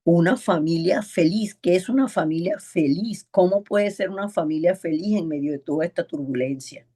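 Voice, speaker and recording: This preacher's voice is warm, with medium pitch and a moderate pace. He teaches an evangelism class as if delivering a sermon, driving points home through repetition and performing the voices in a story.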